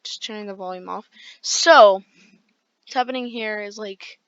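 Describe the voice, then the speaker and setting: A woman's voice: mid-range voice, moderate pace, a bit bright, clean tone, no echo, muffled recording. A woman with a groggy voice, rambling through casual gameplay commentary with lots of fillers. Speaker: gaming video creator.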